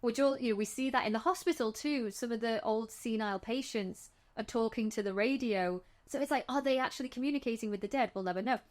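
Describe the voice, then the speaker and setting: A woman's voice: fairly high pitch, quick pace, hardly any pauses. A woman co-hosting a casual film discussion podcast, retelling scenes in a chatty way and often restarting her sentences. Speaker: podcast co-host.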